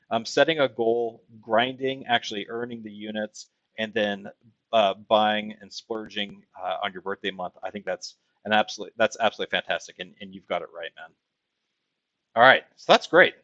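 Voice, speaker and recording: A man's voice: on the low side, a bit bright, lo-fi sound. A man from Texas hosting a casual livestream, rambling with many fillers as he reads viewer comments aloud. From Texas, USA. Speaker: livestream host.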